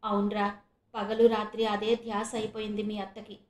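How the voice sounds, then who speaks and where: A woman's voice: medium pitch, monotone, normal speed, echoey room, natural voice. A woman voicing an elderly grandmother who speaks plainly and scolds about her grandson. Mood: sad.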